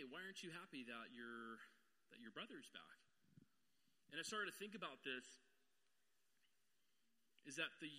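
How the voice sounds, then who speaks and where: A man's voice: on the high side, pushed and bright, big-room sound. A man preaching a sermon to his congregation, emphatic, repeating phrases and calling them guys. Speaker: pastor. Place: church sanctuary.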